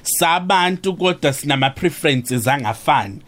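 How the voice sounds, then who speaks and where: A South African man speaks as a teacher being interviewed on radio. His voice sits a little high for a man, and he talks conversationally, slipping between languages mid-sentence. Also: lively intonation, moderate pace, fairly bright tone.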